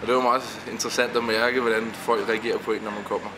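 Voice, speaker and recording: A man's voice: fairly low pitch, level tone. Thoughtful male actor, noisy background. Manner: thoughtful, with hesitant fillers. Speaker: actor interviewed about his role. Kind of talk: reflective interview talk.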